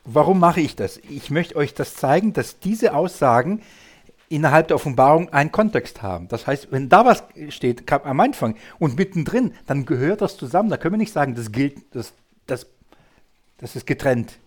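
Man preaching a Bible teaching sermon; emphatic, mid-pitched, quizzes the congregation with rhetorical questions.

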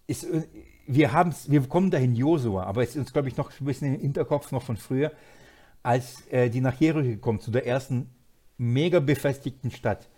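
A man preaching a sermon, moving from quiet asides to loud, emphatic passages and laughing often. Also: mid-range voice, a little fast.

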